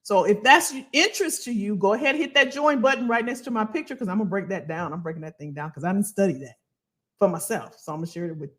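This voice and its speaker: As a financial coach hosting a casual livestream, a woman talks fast at a medium pitch to her viewers. She's animated and colloquial and repeats phrases for emphasis.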